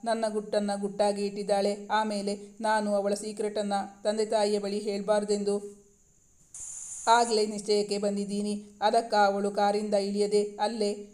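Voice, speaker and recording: A cheerful, teasing big brother from a storybook, read by a man, breezy and frank. His voice is high and stays nearly level throughout. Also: monotone, normal speed, a little mellow, lightly acted. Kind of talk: storybook reading.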